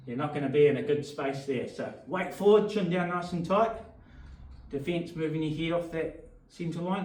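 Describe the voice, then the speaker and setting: A man coaching boxing, giving short instructional cues as he demonstrates punches with sharp exhales. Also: a little high. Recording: roomy echo, distant mic, faint noise.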